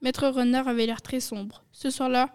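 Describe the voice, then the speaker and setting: A woman's voice: sits high, level tone, moderate pace, creaky, darkish tone, clean tone. A woman reading a storybook aloud, taking turns with another reader.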